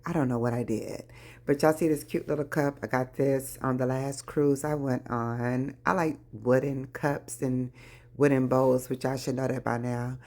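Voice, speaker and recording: Casting: low-pitched middle-aged woman, chatty home vlogger, early morning voice. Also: level tone, unhurried, darkish tone. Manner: chatty, addresses viewers as y'all. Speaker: lifestyle vlogger. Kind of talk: casual chat while decluttering.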